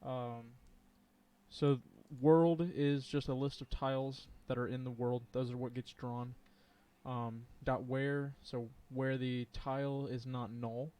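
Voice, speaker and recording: A man's voice: medium pitch, level tone, takes it slowly, dark tone. A man streaming live as he codes, thinking aloud and chatting with viewers, with plenty of ums and hesitations. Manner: rambling, thinks aloud, says um a lot; chats and laughs with viewers. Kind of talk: live coding stream commentary.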